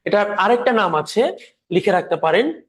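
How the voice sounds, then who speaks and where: A man teaching a grammar lecture slowly and patiently, repeating his examples while speaking through a sore throat. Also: high-pitched, expressive.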